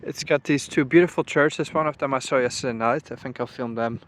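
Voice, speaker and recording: A young man vlogging while walking outdoors through a small town, musing aloud in a relaxed, casual way. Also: mid-range voice, brisk. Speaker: travel vlogger. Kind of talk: casual walking vlog narration.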